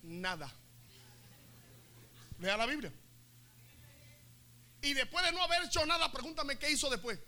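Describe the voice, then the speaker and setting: Pastor preaching, high bright voice, joking, gets the crowd to answer. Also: male voice, unhurried, long pauses. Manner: animated, comic, calls for congregation response. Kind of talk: sermon. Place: church service.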